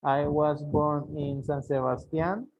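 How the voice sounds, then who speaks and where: A man in his thirties from Guatemala, an English teacher giving a bilingual beginner lesson and repeating phrases slowly for his students. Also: a little high, level tone, darkish tone. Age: 30s. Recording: tinny phone-like audio.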